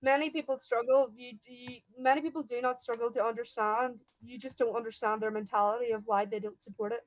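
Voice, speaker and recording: A woman's voice: a little high, fairly even intonation, brisk, rough recording. A young Irish woman debating bluntly, speaking emphatically and stumbling over her words. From Ireland. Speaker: guest debater. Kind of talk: heated debate.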